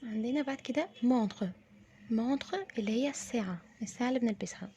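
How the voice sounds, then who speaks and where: A woman with an Egyptian Arabic accent teaching French pronunciation, saying words slowly, repeating them and often dropping to a whisper. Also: on the high side, mellow, slight background noise. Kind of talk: pronunciation lesson.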